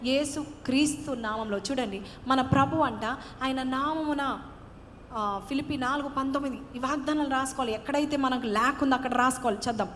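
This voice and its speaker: A woman's voice: high voice, fairly quick, a little hiss or hum. Woman pastor preaching in a hall. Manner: mixes English phrases into preaching, rising to loud proclamations. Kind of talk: sermon.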